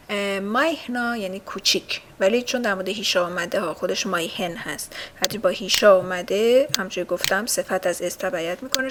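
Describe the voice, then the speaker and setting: A woman giving a recorded language lesson, patiently repeating words slowly and drilling her learners. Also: mid-range voice, slight background noise. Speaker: language teacher.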